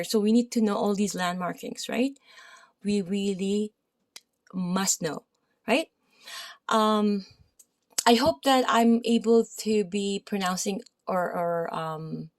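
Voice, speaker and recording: A woman with a Filipino accent teaching a massage therapy lesson, reading from a textbook with loud and soft stretches and chatty asides full of fillers. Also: medium pitch, slow. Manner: reads aloud, then adds loose asides with many fillers; loud reading voice that rises and drops.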